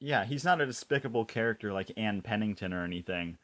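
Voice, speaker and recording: Low-voiced man in thoughtful chat. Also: animated, a bit bright. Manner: thoughtful, measured, uses fillers like um. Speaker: podcast co-host. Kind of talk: casual chat about a TV episode.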